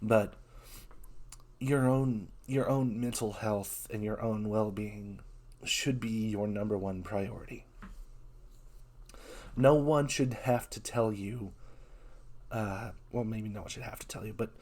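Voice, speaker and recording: A man talking openly in a casual vlog, his voice rough from being sick, earnest and halting, often restarting his sentences. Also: fairly low pitch, darkish tone. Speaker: VTuber.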